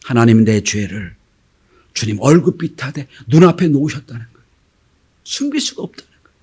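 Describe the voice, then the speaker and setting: A middle-aged pastor with a mid-range, slightly rough voice preaches a sermon fairly quickly. He tells stories in an animated way, acting out the voices of the people in them and sometimes dropping to a whisper for emphasis.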